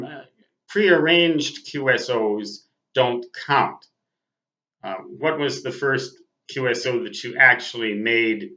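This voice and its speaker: Again hosting a casual reminiscing monologue, the Minnesota ham radio operator in his sixties talks with deliberate precision and spells out terms phonetically. His voice is medium in pitch, pushed and bright, on a dull, lo-fi recording.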